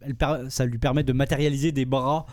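A man's voice: medium pitch, fairly even intonation, fast talker, darkish tone, no room sound, studio quality. A man on a podcast describing a game in casual chat, hesitant with many fillers and restarts. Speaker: podcast host reviewing a game.

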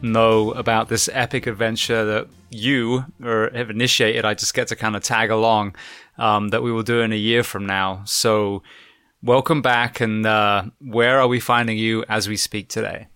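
Enthusiastic male podcast host, lowish voice, dry close-miked sound. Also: level tone, moderate pace, a bit bright, clean tone, dry recording. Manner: enthusiastic, conversational. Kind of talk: podcast interview.

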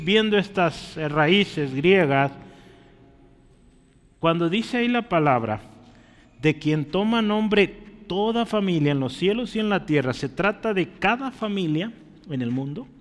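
A man with a high, fairly bright voice preaches slowly and animatedly in a church. He teaches as he goes, often asking his listeners short questions, and the recording has a long church reverb.

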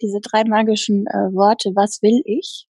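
A woman working as a happiness coach, talking earnestly in an interview with many pauses and restarts. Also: medium pitch, level tone, warm tone, husky, no room sound. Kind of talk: casual interview talk.

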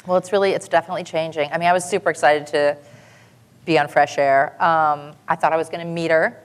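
A middle-aged woman talking on a panel in a chatty, animated way, with many fillers and restarts. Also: deep voice, quick pace, clean tone. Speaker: show creator on a panel. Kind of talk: casual panel talk.

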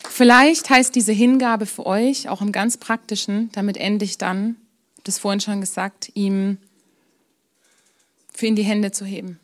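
A young adult woman preaching a church sermon, telling personal stories candidly with laughs and quiet asides. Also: mid-range voice, steady tone, a little slow. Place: church service.

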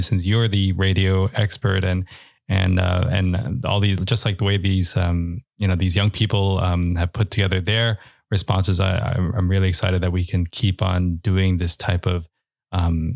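Male podcast host, lowish voice, dry close sound, warm and encouraging, lots of restarts. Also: gravelly, no room sound. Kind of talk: podcast interview.

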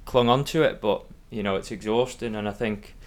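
Manx guy in his 30s, mild isle of man accent, kinda low voice, hesitant podcast guest chatting away. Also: normal speed. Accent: fairly neutral Manx. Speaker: podcast guest, former athlete. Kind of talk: casual conversational interview.

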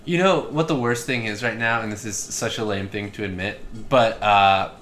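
Young man, somewhat low voice, rambling, crude, self-deprecating, casual podcast banter. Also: moderate pace, a bit bright, a little hiss or hum. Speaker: podcast co-host.

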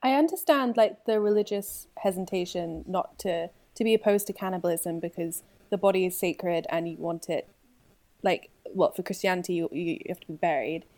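A woman's voice: fairly low pitch, moderate pace, darkish tone. A woman co-hosting a podcast in casual chat, thinking aloud in a hesitant, questioning way. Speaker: podcast co-host.

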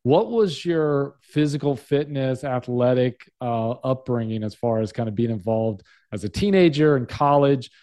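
A man's voice: mid-range voice, moderate pace, hardly any pauses, dark tone. A man in his forties hosting a podcast, who asks questions in a friendly, encouraging way and now and then trips over his words. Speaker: podcast host. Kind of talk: casual interview talk.

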